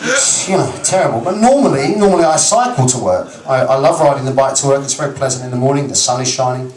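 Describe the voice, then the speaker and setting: A man with an English accent doing a stand-up routine, telling a story in an animated, mock-exasperated way. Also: medium pitch, fast talker, noisy background. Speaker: stand-up comedian. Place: comedy club stage. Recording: roomy live club recording from far off.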